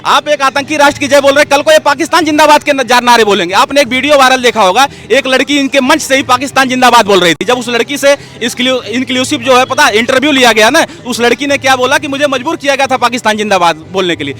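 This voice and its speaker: With faint music behind him, a man speaks fast and barely pauses, his extremely high voice bright and forceful. Appearing as an interview guest, he pushes combative, heated political opinions, hammering points and repeatedly saying "look" and "listen" for attention.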